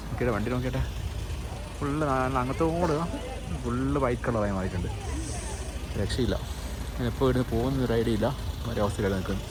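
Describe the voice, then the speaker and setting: A man with a Malayali accent gives casual, exclamatory travel vlog commentary, often repeating short phrases. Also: mid-range voice. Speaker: travel vlogger. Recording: noisy location audio with ambient din.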